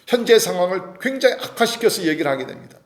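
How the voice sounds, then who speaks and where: A man's voice: high voice, expressive, quick pace. A man preaching an early morning church sermon as pastor, earnest, with frequent filler sounds and rising emphasis on key points. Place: church sanctuary. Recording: echoey church hall.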